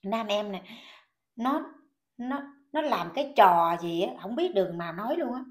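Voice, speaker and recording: A woman's voice: mid-range voice, expressive, moderate pace. A woman with a Southern Vietnamese accent, ranting in an indignant, scolding commentary vlog full of repeated questions.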